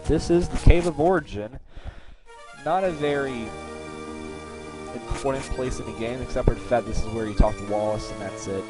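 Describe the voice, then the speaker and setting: A man's voice: mid-range voice, normal speed, poor audio. A young man hosting a let's play, chatting casually with sarcasm, swearing and lots of fillers. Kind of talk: casual gameplay commentary. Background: game music.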